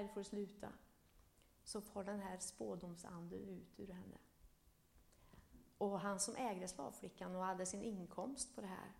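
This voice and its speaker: Swedish-speaking woman preaching, gravelly and warm. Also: medium pitch. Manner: storytelling, shifts between loud emphasis and hushed whispers. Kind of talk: sermon retelling a Bible story. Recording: echoey room.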